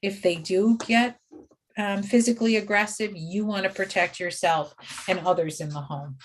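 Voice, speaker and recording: A woman's voice: mid-range voice, normal speed, a little hiss or hum. A woman teaching caregivers in a training webinar, steadily listing do's and don'ts.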